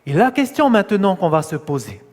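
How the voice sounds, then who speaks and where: A man's voice: sits high, big pitch swings, fairly quick, a little mellow. Man, preacher, sermon, questions and answers, long hall reverb. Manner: asks the audience questions and answers them, stressing key words. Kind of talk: sermon teaching.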